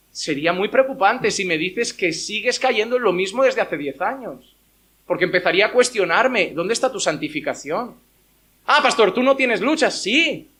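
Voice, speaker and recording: A man's voice: very high-pitched, bright, forceful tone. A male pastor preaching a sermon in a church, emphatic, with rhetorical questions and voices acted out as quotes.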